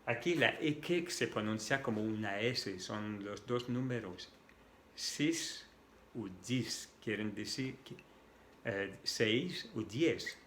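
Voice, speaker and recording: A man's voice: on the low side, expressive, slow pace, a bit bright, a little hiss or hum. A man whose first language is French, patiently explaining pronunciation to beginners and repeating each sound aloud. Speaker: French tutor.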